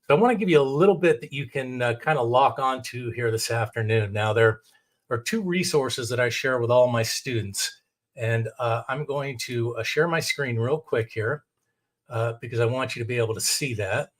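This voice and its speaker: A man's voice: mid-range voice, moderate pace. A middle-aged man with an American accent giving a courteous, step-by-step instructional presentation on a screen share. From United States, Oregon. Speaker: technical director and adjunct lecturer.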